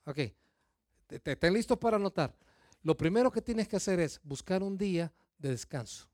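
High-voiced pastor preaching. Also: male voice, moderate pace, no echo, studio quality. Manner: lively, questions the congregation, acts out listeners' excuses. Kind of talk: sermon.

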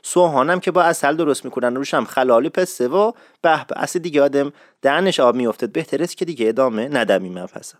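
A man's voice: mid-range voice, lively intonation, no room sound, clean studio sound. A man, talking casually and with enthusiasm, repeating his main points. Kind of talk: casual recommendation talk.

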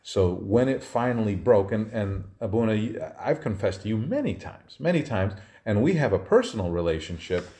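A man's voice: on the low side, very animated, moderate pace, few pauses, dark tone. A man who is a sub-deacon, casually telling a personal story on a podcast with a self-deprecating touch. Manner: casual and self-deprecating, chuckles through stories.

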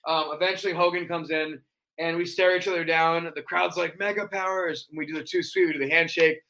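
A man, a podcast guest, telling wrestling stories in a casual, animated way, acting out quotes with sudden jumps in his voice. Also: on the high side, a little fast, poor audio. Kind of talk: casual storytelling.

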